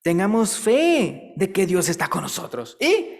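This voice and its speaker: A male preacher giving a relaxed, conversational sermon, asking the congregation questions and telling light jokes. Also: sits high, a little slow, vocal fry. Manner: chatty, asks listeners questions and tells jokes.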